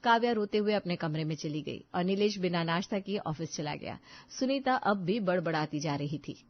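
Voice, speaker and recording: A woman narrating a family story in a steady storytelling voice. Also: lowish voice, normal speed. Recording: slightly dull lo-fi recording.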